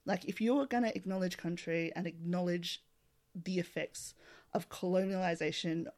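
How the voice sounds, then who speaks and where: A woman's voice: fairly low pitch, fairly even intonation, moderate pace, a little mellow. A woman hosting a podcast in casual chat, blunt and outspoken, swearing freely. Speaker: podcast host.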